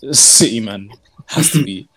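A man's voice: medium pitch, animated, takes it slowly, a bit bright, breathy edge, no room sound. A man with a London urban roadman accent in a casual football debate, slangy and emphatic, repeating phrases to drive points home. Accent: London, urban roadman slang style.

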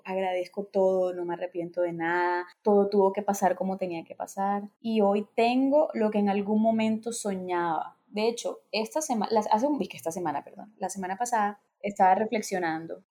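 Young woman, podcast guest, mellow warm tone, reflective storyteller. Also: mid-range voice, fairly quick, hardly any pauses. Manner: reflective, animated storytelling, quotes herself often. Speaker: podcast guest, makeup artist. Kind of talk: casual conversation.

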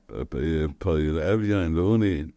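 Man teaching Torah, very deep voice, animated and repetitive, dry close sound. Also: no echo, lo-fi sound. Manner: animated, repetitive, rising to emphatic outbursts.

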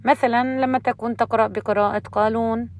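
A woman teaching the rules of Quran recitation in an explanatory lesson, pausing often with fillers. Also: a little high, fairly even intonation, a little hiss or hum.

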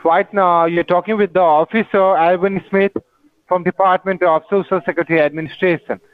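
A man's voice: high voice, steady tone, a little fast, no echo. A man giving a scripted phone greeting as an agent posing as a government officer. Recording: tinny, narrow phone line.

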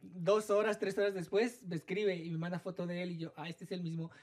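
A woman, telling a story in casual chat, animated and theatrical, adding sing-song sound effects. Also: fairly low pitch, fairly quick.

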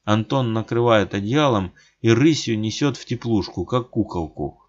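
A man narrating a literary audiobook in a measured, plain manner, in a dull lo-fi recording. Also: fairly low pitch.

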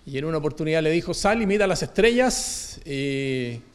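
A man preaching a sermon, moving between emphatic declarations and hushed, low repetitions of key phrases. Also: animated, moderate pace, clear, resonant tone.

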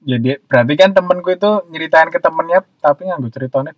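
A man tells a personal story in a loose, rambling way, pausing on fillers as he goes. His voice sits a little high. The sound is dry and close. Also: no echo, dull audio. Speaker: storyteller guest. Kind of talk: casual chat.

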